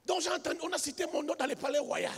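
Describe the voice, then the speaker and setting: A man preaching a sermon as a pastor, telling a story quietly and then building up to shouted, half-sung exhortation. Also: extremely high pitch, racing, gravelly. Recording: reverberant hall with music behind.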